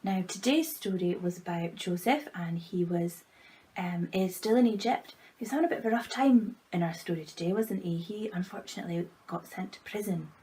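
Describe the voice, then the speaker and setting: A woman's voice: lowish voice, fairly quick, warm tone, low-quality recording. A woman giving a step-by-step craft tutorial, talking simply and in a friendly way to children. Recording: faint background noise.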